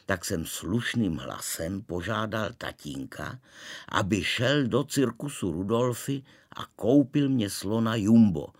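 A man narrating an old-fashioned children's story in an expressive storytelling manner, told as a child. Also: on the low side.

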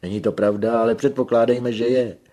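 A man voicing a desperate, lovesick young peasant who pleads loudly and tearfully. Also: mid-range voice, steady tone, close to an everyday voice. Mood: desperate pleading.

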